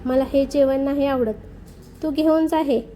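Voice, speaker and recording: Teasing young man, smug, moody, storybook voice, read by a woman, high, mellow tone. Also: steady tone, a little slow, a little hiss or hum. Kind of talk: audiobook character reading.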